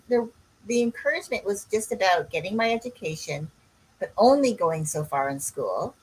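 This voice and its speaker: A Canadian woman in her sixties, a coach, co-hosts a podcast and chats casually, rambling and wandering off on tangents. Her medium-pitched voice has a breathy edge, and the recording quality is low.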